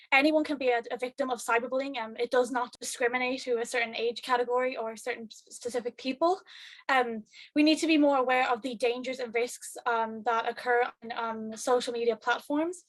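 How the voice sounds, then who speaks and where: High-voiced teenage Irish girl. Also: no echo. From eastern Ireland (Kildare). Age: teens. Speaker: youth advocacy group member. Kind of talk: answering interview questions.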